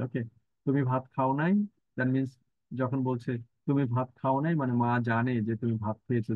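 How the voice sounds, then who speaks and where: A man with a Bangladeshi accent teaches a live online class, reading English text aloud and breaking it down in Bengali with frequent fillers. His voice sits at an ordinary middle pitch. The audio is thin and phone-like, with a dry, close sound. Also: no room sound. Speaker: university lecturer. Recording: tinny phone-like line, dry.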